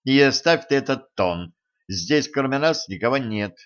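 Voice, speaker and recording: A male narrator voicing a bold, sharp-tongued young woman who answers with sarcastic retorts. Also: medium pitch, lively intonation, a little slow, lo-fi sound. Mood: snappy.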